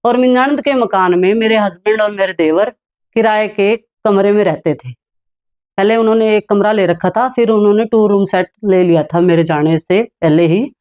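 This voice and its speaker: A middle-aged woman from Haryana, India, telling her own life story as a talk show guest, in a plain, unhurried way with soft quiet asides. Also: mid-range voice.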